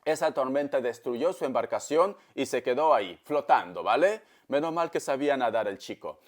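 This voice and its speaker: A man's voice: mid-range voice, animated, normal speed. A man giving a tarot reading, telling a parable and calling the listener darling, with frequent talk of God. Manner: calls the listener "darling" often, preachy storytelling; religious, invokes God often. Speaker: tarot reader. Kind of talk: tarot reading monologue to camera.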